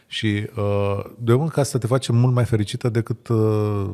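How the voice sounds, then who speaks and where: A man's voice: lowish voice, fairly even intonation, dark tone. A middle-aged man from Romania hosting a podcast, chatting casually and thinking aloud as he talks. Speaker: podcast host. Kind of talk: casual chat.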